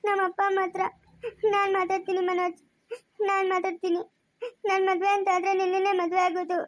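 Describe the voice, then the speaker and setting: A woman's voice: sits high, flat delivery, quick pace, dry recording, natural voice. A young woman playing a lovesick student who talks in a pleading, emotional way in a family skit. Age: young adult. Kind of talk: amateur family skit acting.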